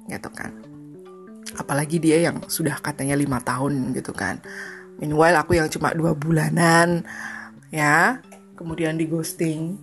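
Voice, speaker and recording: A woman in her thirties hosting a casual solo podcast, chatty and confessional, often laughing and slipping into English phrases. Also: sits low. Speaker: podcast host.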